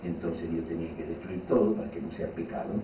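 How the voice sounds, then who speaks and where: A man's voice: deep voice, fast, background noise. A man preaching a sermon in a fervent, conversational way and acting out quoted voices. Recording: distant, echoey, dull hall recording.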